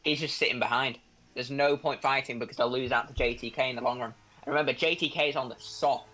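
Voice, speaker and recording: A young man with a Northern English accent commentating a sim racing league, joking around and shouting out when cars make contact. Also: medium pitch, steady tone, fast talker. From Northern England. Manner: jokey, bursts up loud on contact. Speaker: race commentator.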